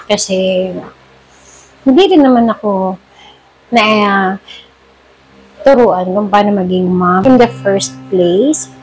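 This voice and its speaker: A middle-aged woman with a Filipino accent, a mother vlogging in a sit-down confessional, speaking slowly and emotionally, near tears at times, mixing English and Tagalog. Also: mid-range voice, a little mellow, poor audio.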